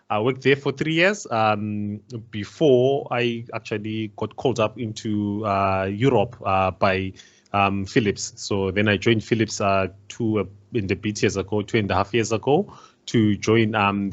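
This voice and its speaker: Halting man from Zimbabwe, low voice. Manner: halting, many ums and uhs. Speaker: panelist. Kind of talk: career panel talk. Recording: dull lo-fi video call.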